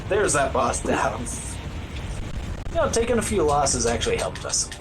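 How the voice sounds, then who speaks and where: Very animated but measured in pace, a man with a medium-pitched voice gives casual commentary on his speedrun, sprinkling in wry, understated humor. Loud game music plays in the background.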